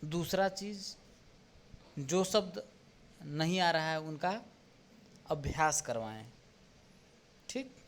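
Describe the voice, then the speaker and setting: Slow, deliberate teacher, man. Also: fairly high pitch, expressive. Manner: explains step by step, often checks with "ठीक?". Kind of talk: exam paper walkthrough lesson.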